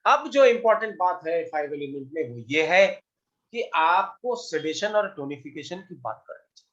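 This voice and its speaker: A fairly high-voiced man leads an online class, firing quick questions at his students as he explains. The sound is dull and lo-fi, like audio from a video call. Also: expressive, a bit bright. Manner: quizzing students with quick questions, mixing Hindi and English. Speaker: acupuncture teacher.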